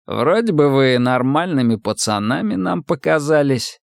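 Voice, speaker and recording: A man's voice: mid-range voice, animated, normal speed, vocal fry, no room sound, studio quality. A man voicing a swaggering young male army bully who barks coarse, contemptuous slang.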